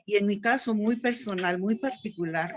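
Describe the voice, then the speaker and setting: A middle-aged woman with a strong, loud voice, talking emphatically in a group discussion among teachers. Her pitch sits in an ordinary middle range for a woman. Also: moderate pace, background noise. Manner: loud, emphatic speaker who calls her own voice strong. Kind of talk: participant in a teacher training discussion.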